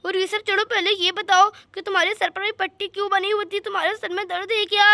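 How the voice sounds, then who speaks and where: A woman's voice: very high-pitched, flat delivery, fast talker, creaky, pushed and bright, no room sound, full character voice. A woman voicing a flustered husband in a doll story, stammering as he pleads that he is innocent. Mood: pleading.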